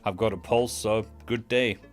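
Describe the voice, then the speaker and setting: Chatting casually on stream and calling out viewers by name to thank them, this South African man has an accent with British tones. His lowish voice keeps a steady tone and moderate pace, and faint music plays behind him.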